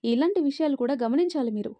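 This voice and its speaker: A woman voicing a bitter, sharp-tongued middle-aged mother-in-law who scolds and taunts in a raised voice. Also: high voice, lively intonation, quick pace, pitched above the performer's own voice. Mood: scornful.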